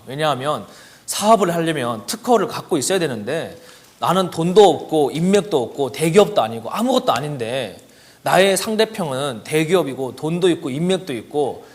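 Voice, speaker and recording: A man preaching a testimony sermon at a church service, telling his story with animation and acting out his own prayers. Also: mid-range voice. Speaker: guest preacher.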